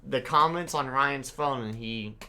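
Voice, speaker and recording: A man's voice: mid-range voice, measured pace, sharp tone. A man from Oklahoma co-hosting a podcast in casual chat, rambling, stammering over his words and swearing a lot as he gets worked up. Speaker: podcast co-host.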